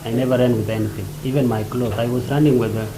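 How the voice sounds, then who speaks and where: A man from South Sudan interpreting an interview in the first person, speaking in halting short phrases with many fillers. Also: medium pitch, fairly even intonation. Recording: roomy echo with ambient noise.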